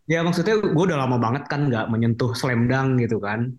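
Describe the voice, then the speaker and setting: A man, excitedly reviewing a film in casual podcast chat, full of fillers. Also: medium pitch, brisk. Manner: enthusiastic, fillers, slangy.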